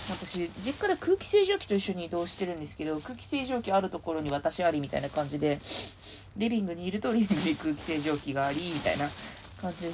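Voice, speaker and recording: A woman hosting a casual solo podcast, rambling and chatty as she sorts clothes at home. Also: fairly low pitch. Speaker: podcast host. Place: at home, sorting clothes while talking. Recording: noisy home recording.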